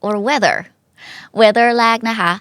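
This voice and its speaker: Young woman, English teacher, casual lesson, slow careful examples, spells words out, dry close mic. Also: on the high side, expressive, fairly bright tone, dry recording. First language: Thai.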